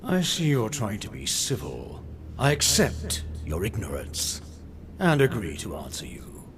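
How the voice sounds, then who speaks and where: A slow, imperious ancient patriarch. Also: male voice, fairly low pitch, wildly swooping pitch, a little hiss or hum. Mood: haughty, commanding. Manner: grand, condescending, slow and deliberate. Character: ancient imperious male patriarch of a demonic family, proud and menacing. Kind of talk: video game voice acting.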